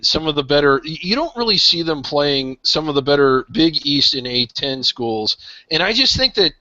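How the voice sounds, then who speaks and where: A man with a bright, fairly high voice leads a roundtable sports discussion, rambling and restarting as he thinks aloud. The sound is dry and a little muffled, with a lo-fi edge. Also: no echo.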